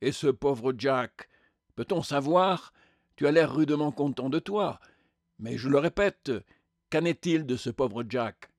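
A man voicing an aggrieved, resentful burly male ghost who talks loudly and protests. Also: mid-range voice, lively intonation, a little slow, no room sound, clean studio sound. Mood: indignant. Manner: loud, indignant, protesting.

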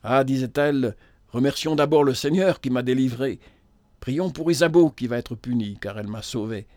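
A man voicing a tender young woman, frightened and pious, in a hushed, earnest way, reading a novel aloud. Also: mid-range voice, normal speed, no echo, studio quality, close to an everyday voice. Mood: sorrowful.

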